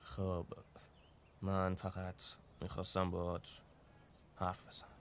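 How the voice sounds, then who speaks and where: A man dubbing a drama character, speaking in a low, conciliatory way. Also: monotone, slight background noise. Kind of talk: Persian dub acting.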